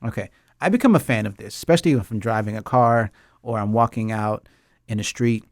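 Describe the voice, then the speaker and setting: Recorded at studio quality with no echo, a man with a fairly low voice speaks briskly while hosting a casual TV drama discussion. The host, an English teacher, laughs a lot and rants with strong emphasis and plenty of repetition.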